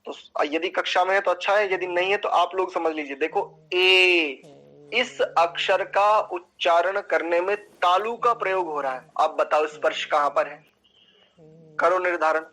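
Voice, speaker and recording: A man teaching Sanskrit pronunciation in an online class, slowly drawing out syllables and chanting verses. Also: high-pitched, fairly even intonation, sharp tone, low-quality recording. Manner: slow, deliberate, drawn-out chanting of syllables. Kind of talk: online class lecture with mantra recitation.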